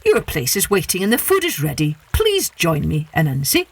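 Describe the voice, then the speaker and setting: A woman voicing a mild, polite male turtle in a trickster tale, speaking courteously and with measured manners. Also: fairly low pitch, wildly swooping pitch, breathy edge, full character voice.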